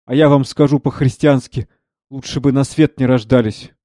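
A man reading the part of a pious old monastery monk, slow and sing-song, scornful in turns. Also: mid-range voice, steady tone, mellow, no room sound, studio quality, natural voice.

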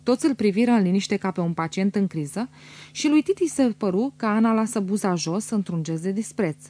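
A woman reading a novel as an audiobook in an even, measured way. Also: medium pitch. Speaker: audiobook reader. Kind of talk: scripted audiobook narration.

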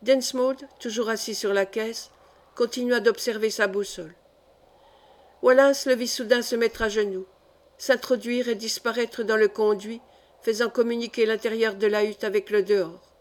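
A woman narrating a science-fiction story as an audiobook reader, in a measured, dramatic way. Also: a little high, fairly even intonation.

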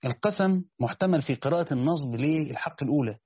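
A man's voice: a little high, animated, quick pace, breathy edge, dry recording. A man with an Egyptian Arabic accent teaching a classical Quran commentary, reading the text aloud, explaining it, and asking and answering his own questions. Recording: tinny phone-like lo-fi recording.

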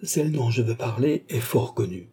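A man's voice: medium pitch, lively intonation, normal speed, dark tone, husky. A man reading an audiobook, voicing an earnest, proud young man in rags who pleads yet stays resolute.

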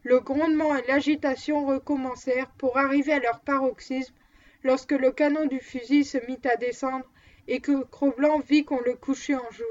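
A woman narrating a novel aloud as an audiobook, in an even, measured manner, on a dull lo-fi recording. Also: sits high. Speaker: audiobook reader.

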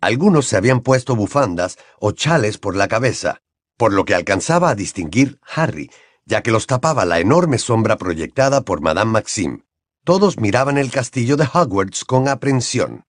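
A man narrating a fantasy novel aloud in an expressive, lively reading. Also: on the low side, normal speed, dry recording, clean studio sound. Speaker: audiobook reader. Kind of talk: storybook narration.

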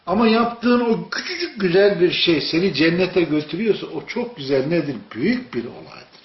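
A man's voice: high voice, expressive, normal speed. A man preaching an informal sermon to a small group, telling stories and asking his listeners questions. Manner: storytelling, asks the audience questions. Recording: echoey room, dull lo-fi sound.

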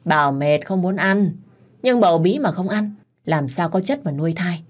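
A woman voicing a brisk, bossy older mother-in-law who gives quick orders. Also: on the low side, animated.

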